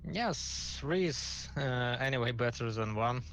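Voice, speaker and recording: A man chatting casually as a guest on a livestream, speaking in a halting, hesitant way. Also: medium pitch, expressive, a bit bright, slight background noise, poor audio. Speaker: guest, community tournament official and stream helper. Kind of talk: casual livestream interview chat.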